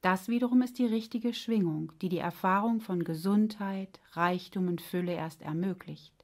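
A woman voicing a wise, patient heart that explains things gently and sometimes grumbles. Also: lowish voice, moderate pace.

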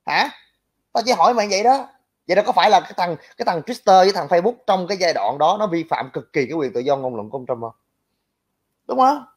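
A young man with a Southern Vietnamese accent who rants in reply to viewer comments, brash, crude and mocking toward his critics. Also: sits high. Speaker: livestream commentator. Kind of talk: ranting reaction to viewer comments. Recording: lo-fi, dull audio.

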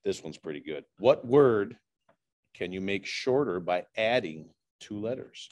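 A man's voice: lowish voice, expressive, unhurried, a little mellow. A middle-aged man giving a humorous prepared speech, telling dad jokes with setups and punchlines to a speaking club. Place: large indoor meeting room with low ceiling.

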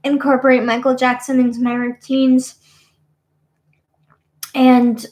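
A woman in her twenties chatting casually on a webcam stream from her bedroom, rambling with lots of fillers. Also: fairly high pitch. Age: 20s. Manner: rambling, many fillers like "you know what I mean". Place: small bedroom, indoors. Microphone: webcam at desk.

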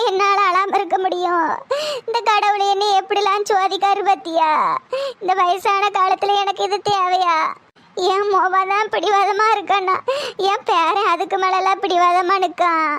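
Someone voicing a squeaky wailing old village grandma. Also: sharp tone. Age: older. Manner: lamenting, sing-song crying. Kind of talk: cartoon voice acting.

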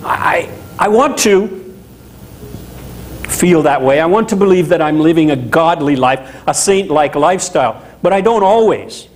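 Animated pastor preaching in a chapel. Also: male voice, on the high side, unhurried, poor audio. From Louisiana, USA. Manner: conversational, animated preaching with gestures and asides. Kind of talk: sermon. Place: small chapel, indoors.

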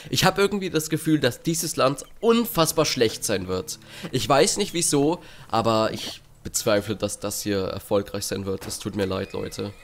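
A man's voice: medium pitch, animated, moderate pace, vocal fry, slight background noise. A man giving casual let's play commentary with sarcastic, dry asides. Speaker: let's player.

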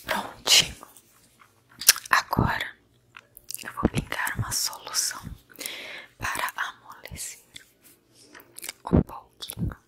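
A young Brazilian woman performs a whispered role-play as an attentive clinician. Her intimate whisper is very breathy and crackly, with slow delivery and softly repeated words, right at the microphone. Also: very deep voice, monotone. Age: young adult. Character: attentive ear-cleaning clinician at a health post. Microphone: close recorder microphone.

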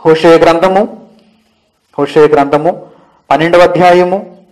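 A man's voice: a little high, fairly even intonation, a little slow, darkish tone, poor audio. A man teaching a Bible lesson, preaching with rising emphasis and firing off rhetorical questions. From India.

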